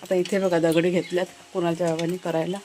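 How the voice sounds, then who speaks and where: A woman from Maharashtra talks viewers through her day in a relaxed, chatty vlog voice, set a little lower than most women's. She explains things plainly and breaks off to call loudly to her dogs. Soft music plays beneath her outdoor narration. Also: fast. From Maharashtra, India. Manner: calls out loudly to her dogs between remarks. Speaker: family vlogger. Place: outdoors in a rural garden.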